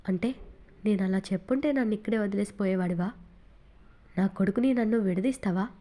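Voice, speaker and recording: Emotional young mother in a storybook romance, read by a woman narrator, soft and warm. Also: medium pitch, fairly quick, lightly acted. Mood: indignant. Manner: pleading and tender. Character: emotional, anxious young mother, devoted to her son.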